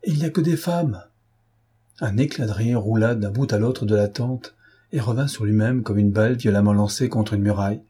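Man reading a novel aloud, husky, dark mellow tone, storybook narration. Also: on the low side, steady tone, fairly quick. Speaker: audiobook reader. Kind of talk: scripted narration of a classic novel.

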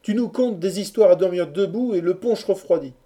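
A man's voice: a little high, moderate pace, mellow, voice pushed up, lightly acted. A man voicing a boisterous group of young male friends in a storybook reading, teasing and mocking.

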